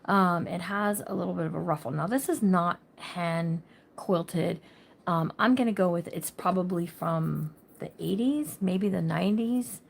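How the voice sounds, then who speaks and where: A woman's voice: on the low side, measured pace, gravelly, husky. A woman hosting a casual craft livestream. She chats with viewers by name and thinks aloud while she works. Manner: says she talks loud.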